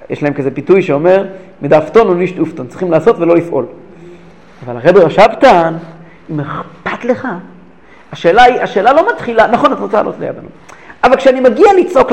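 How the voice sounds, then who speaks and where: A man teaching a religious lesson who tells stories with animated, repeated phrases for emphasis. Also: high voice. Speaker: rabbi teacher. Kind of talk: lesson storytelling.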